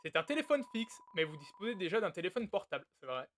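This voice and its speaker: A man's voice: high-pitched, very animated, fast talker, fairly bright tone, slight background noise. A man playing a video game, reading its text aloud with crude, joking, muttered asides. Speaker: let's play host. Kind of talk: casual game commentary and reading.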